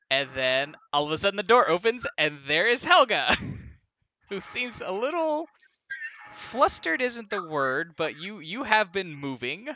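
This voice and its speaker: A man narrating as game master of a tabletop game, halting, with many restarts and laughs. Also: a little high, bright, forceful tone.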